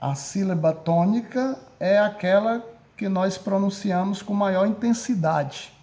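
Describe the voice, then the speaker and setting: A man's voice: high-pitched, a little slow, dark tone. A man with a Brazilian Portuguese accent teaching a recorded grammar lesson, speaking patiently and often checking in with his students. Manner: patient, repeats and checks with "certo?".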